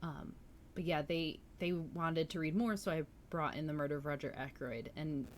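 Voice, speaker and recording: This woman speaks in a low voice at normal speed with fairly even intonation. She hosts a book-reading livestream, chatting casually and with enthusiasm as she responds to the chat, with slight background noise.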